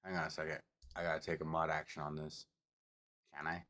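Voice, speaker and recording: A man's voice: a bass voice, little pitch movement, brisk, sharp tone, no echo, clean studio sound. A man casually chatting on a home livestream about tarot, rambling and loosely profane, with the camera on a table. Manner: rambling, loose and profane, talks with mouth full at times. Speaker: streamer doing tarot readings.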